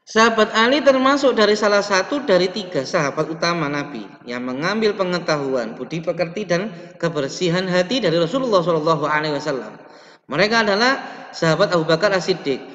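A man's voice: high voice, animated, brisk, a bit bright. Young male teacher in an echoey room. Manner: reads slides aloud and adds explanation, with restarts and stretched words. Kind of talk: online lesson explaining slides. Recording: roomy, reverberant, dull lo-fi webcam audio.

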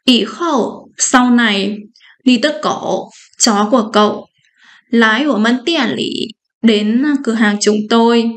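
Slow, careful woman teaching Chinese. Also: on the high side. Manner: reads each Chinese sentence slowly, then translates and explains word by word. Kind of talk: slow read-aloud lesson with Vietnamese explanations.

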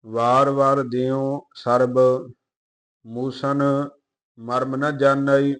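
Slow, flat-toned man reciting scripture. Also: medium pitch. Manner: measured chanting recitation, quick quieter asides. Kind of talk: slow recitation with pronunciation notes.

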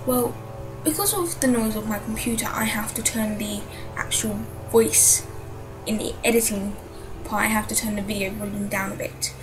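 A woman giving casual game commentary in a quiet but clear voice over laptop noise. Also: mid-range voice, normal speed, music in the background. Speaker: gaming video host. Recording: noisy laptop hum in background.

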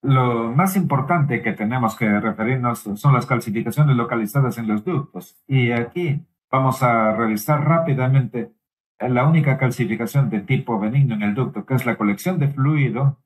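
A man giving a simultaneous interpretation of a medical lecture, halting at times with pauses, fillers and restarts. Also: medium pitch, rough recording.

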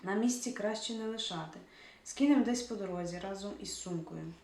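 A woman's voice: mid-range voice, normal speed, a little mellow, close to an everyday voice. A woman voicing a sheepish morgue attendant who protests and stumbles over his words in self-defense, read aloud from a book. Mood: defensive. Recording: roomy echo, distant mic, faint hiss.

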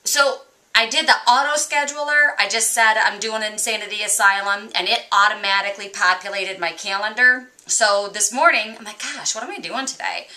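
A woman's voice: mid-range voice, fairly even intonation, moderate pace, bright, forceful tone. A woman fitness vlogger talking casually and earnestly to her viewers about motivation. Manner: earnest, encouraging. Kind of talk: casual motivational talk to camera.

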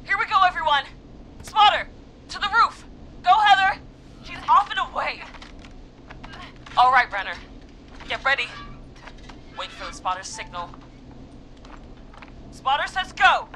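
An actress playing a frightened, determined young American woman in a video game, urgent and breathy as she leads an escape. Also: high-pitched, animated, measured pace, long pauses, slight background noise, heavily acted, poor audio. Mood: urgent, panicked. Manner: breathy urgent delivery, swinging from hush to shout. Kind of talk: dramatic video game acting.

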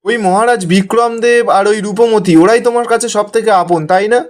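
A resentful young prince who questions and accuses, read by a man in his own high voice. His lines are read plainly as part of a spoken recap. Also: steady tone, normal speed, lightly acted. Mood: accusing.

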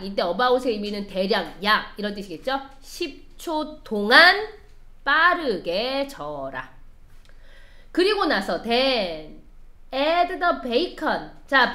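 A woman's voice: on the high side, a bit bright. A woman teaching an English lesson, explaining line by line and quizzing her students as she goes. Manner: explains step by step, quizzes the class. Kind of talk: classroom lecture.

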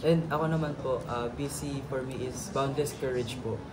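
A man's voice: medium pitch, fairly even intonation, normal speed, background noise. A nineteen-year-old man with a Filipino accent, a boy group member answering politely and eagerly. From Philippines, Taguig. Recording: loud chatter behind.

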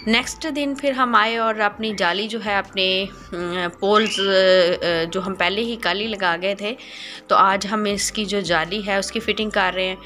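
Woman narrating her garden redo, bright crisp voice, calm how-to pace with little pauses, soft music under it. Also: medium pitch. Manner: calm, explanatory step-by-step instruction with hesitant pauses. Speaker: gardening channel host. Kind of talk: voice-over narration of a garden makeover.

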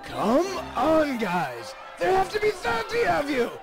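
The Joker, shrill manic clown villain. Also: male voice, huge pitch swings, slow, loud music behind the voice, heavily acted. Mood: impatient, threatening. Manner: theatrical, sing-song, taunting, with sudden swoops. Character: manic, gleefully menacing male clown supervillain crime boss. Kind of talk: audio drama acting.

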